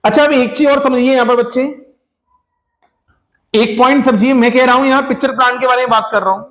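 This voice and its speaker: High-voiced male teacher quizzing his class. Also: fairly even intonation, quick pace, fairly bright tone. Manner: asks the class rhetorical questions and repeats key points; addresses students as children. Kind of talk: classroom lecture.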